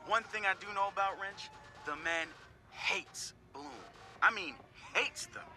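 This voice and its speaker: In a game audio log, an actor plays a laid-back young male hacker sizing up his teammates, talking casually and candidly with profane, wry asides. His voice sits high and sounds bright and forceful, a full character voice at a measured pace. Clear music plays behind him.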